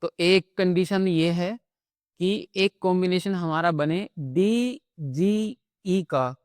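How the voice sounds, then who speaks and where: A man teaching phonics in a patient classroom manner, pausing often to check in before he moves on. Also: on the high side, dry recording, studio quality. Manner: patient, repeats "theek hai" between points. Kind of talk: classroom-style phonics lesson.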